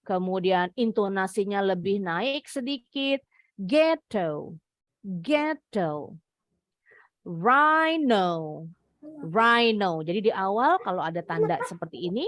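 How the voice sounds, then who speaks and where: A woman English teacher, slowly modeling words for young pupils in an online class. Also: mid-range voice, no echo. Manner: slow, clear modeling of words for children.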